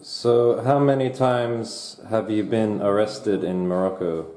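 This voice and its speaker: Low-voiced male interviewer, halting. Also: steady tone, warm tone, roomy sound. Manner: halting, restarts questions. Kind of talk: interview questions.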